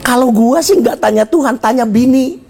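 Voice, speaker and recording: A man preaching a joking, animated sermon as pastor at a church service, shouting at times. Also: extremely high pitch, normal speed, vocal fry. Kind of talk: lively sermon.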